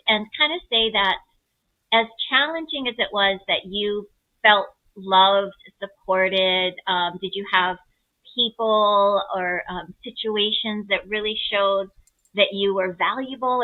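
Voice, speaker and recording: A woman astrologer walks through a chart reading in a conversational, gentle, and encouraging manner, using simple analogies. Her voice is medium-pitched and the audio sounds like a phone recording.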